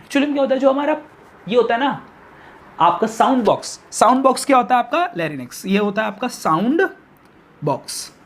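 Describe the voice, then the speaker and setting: A high-pitched male science teacher delivers a biology lecture in class, mixing in English technical terms. He poses questions and answers them himself, and slowly repeats key terms for emphasis.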